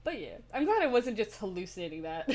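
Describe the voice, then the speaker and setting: Young woman streamer, casual and laughing, with a lively, varied pitch. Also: fairly quick. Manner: chatty, laughing, swears casually. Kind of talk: casual game commentary.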